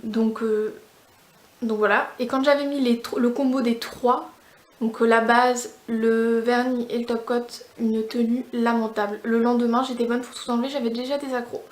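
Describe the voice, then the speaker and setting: French woman doing a chatty makeup review, kinda high voice, lots of ums, echoey room. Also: little pitch movement, normal speed. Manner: chatty, many fillers and restarts. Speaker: beauty vlogger. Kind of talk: casual product review.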